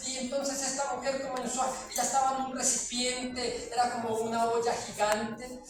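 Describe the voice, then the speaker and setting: A woman preacher delivers a dramatic testimony, checking in with the audience and repeating phrases for weight. Her voice stays on a flat, narrow pitch. It is picked up from far off in a large hall with heavy echo. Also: moderate pace. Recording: very echoey from far off.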